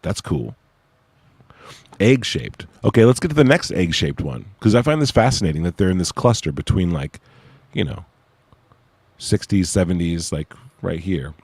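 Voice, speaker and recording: A man with a low voice, recorded close and dry. He talks like a casual livestream host, informal and a little halting, and his s sounds whistle slightly. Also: lively intonation, gravelly, a little mellow, breathy edge, no room sound. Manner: informal, slangy, hesitant. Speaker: livestream host presenting own research project. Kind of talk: casual livestream chat with read-aloud case notes.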